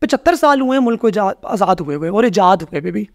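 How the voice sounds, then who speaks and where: Woman, podcast guest; emphatic, rhetorical, repeats for stress; mid pitch, dead-dry studio sound. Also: expressive, fast, a little mellow, no echo. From Pakistan. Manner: emphatic, rhetorical questions, repeats key phrases. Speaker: podcast guest, rights activist. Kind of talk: conversational interview.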